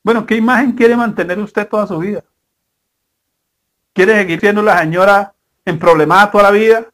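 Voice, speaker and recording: A man preaching a sermon as a guest pastor, earnest and slow with emphatic pauses. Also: high voice, steady tone, a bit bright.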